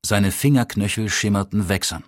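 A man narrating an audiobook in a husky, measured, matter-of-fact voice. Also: fairly low pitch, no room sound, studio quality.

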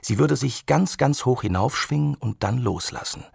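Gravelly male audiobook narrator. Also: mid-range voice, moderate pace, dry recording. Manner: calm, even, storytelling. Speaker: audiobook reader. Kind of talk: scripted narration.

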